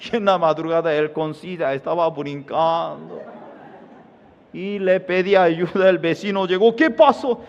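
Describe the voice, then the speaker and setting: Pastor preaching slow, squeaky voices for the characters, echoey church hall, kinda muffled. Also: male voice, vocal fry, slight background noise. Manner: animated storytelling, jumping into high squeaky voices for quoted people. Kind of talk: sermon with acted-out anecdote. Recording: dull sound in a reverberant church hall.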